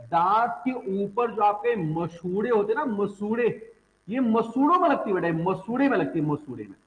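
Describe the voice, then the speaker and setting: A man's voice: sits high, expressive, moderate pace, phone-quality sound. A young adult man teaching a class, asking students questions, answering them himself and repeating syllables aloud. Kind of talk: classroom lecture on Hindi phonetics. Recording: echoey classroom.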